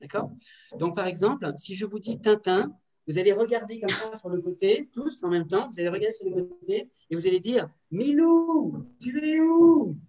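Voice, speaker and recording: A woman teacher trainer leading an online workshop, lively and directive, often checking in with the group over a video call. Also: medium pitch, brisk, highs cut off, soft background music. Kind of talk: online workshop on classroom activities. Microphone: computer mic on a video call. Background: building works next door.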